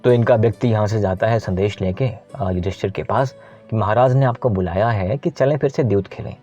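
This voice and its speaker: A man's voice: lowish voice, fairly quick, dark tone. A man hosting a channel, retelling an ancient epic in a casual, explaining way and speaking directly to his listeners. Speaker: storyteller host. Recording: slightly dull recording with faint music.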